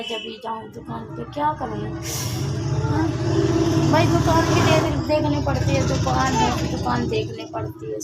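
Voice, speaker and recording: A woman's voice: fairly high pitch, gravelly, fairly bright tone, a little hiss or hum, poor audio. Chatty young woman vlogging at home. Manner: chatty, complaining, repeats herself a lot. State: feeling unwell. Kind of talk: casual home vlog chat. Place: at home indoors.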